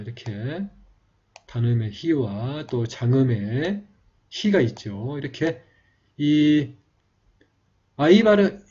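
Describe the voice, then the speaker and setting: Male script teacher, patient explanatory delivery, slightly husky, muffled lo-fi recording. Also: medium pitch, mellow. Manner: slow, explanatory, drawn-out vowel demonstrations. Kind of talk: calligraphy lesson. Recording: dull lo-fi recording.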